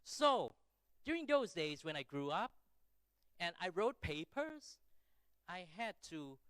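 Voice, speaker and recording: Middle-aged man with a clear Thai accent. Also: on the high side, a bit bright, no room sound, poor audio. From Thailand. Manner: self-deprecating, checks in with listeners using rhetorical questions. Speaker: keynote speaker. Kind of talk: conference keynote speech, conversational and informal.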